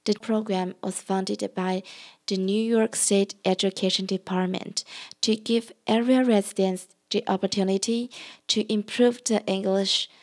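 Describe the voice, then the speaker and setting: A woman who is an English language student, reading a scripted narration in a careful, measured way. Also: mid-range voice, a little mellow.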